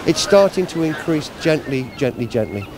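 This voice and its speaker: A man who organises a charity event, explaining it informally and in a measured way in an outdoor interview. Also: a little high, very animated. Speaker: Lions club event organiser. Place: outdoors at a seafront. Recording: outdoor street and traffic noise.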